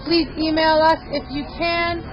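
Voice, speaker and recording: High-voiced chatty woman co-host. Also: level tone, measured pace. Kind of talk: casual panel talk. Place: outdoor protest camp. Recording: muffled outdoor sound with crowd noise.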